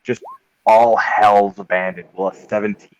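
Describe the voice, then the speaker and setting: A man acting as game master, describing a tabletop combat in vivid, unhurried detail with frequent ums. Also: on the low side, little pitch movement, dull audio, slight background noise.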